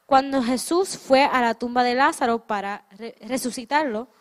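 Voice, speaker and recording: A woman's voice: on the high side, moderate pace. A woman interpreting a sermon phrase by phrase, restarting mid-word and hesitating as she searches for words.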